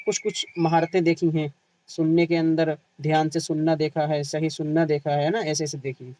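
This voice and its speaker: A man's voice: a little high, little pitch movement, darkish tone, dry recording, poor audio. A man with an Indian Urdu accent teaching an exam-prep lesson, asking questions and answering them himself, repeating key terms and adding "hai na".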